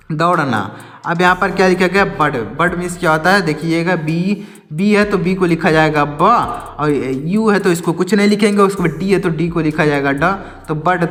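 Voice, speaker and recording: A man's voice: sits high, a bit bright, in a large hall. A man teaching an English lesson, asking his own questions and answering them again and again.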